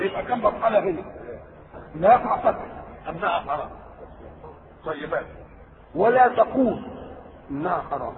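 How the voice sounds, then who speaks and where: A man with an Egyptian accent explains scripture in a religious lesson. His voice sits high and gravelly. He keeps putting questions to his listeners and answering them himself, heard through a tinny, phone-like recording with a lot of hiss. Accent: Egyptian Arabic.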